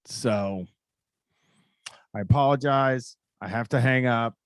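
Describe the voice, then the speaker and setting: Man, American accent, informal rambling radio host, average pitch, very dry room sound. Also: takes it slowly, clean tone, no room sound. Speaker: call-in show host. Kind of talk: casual, rambling chat.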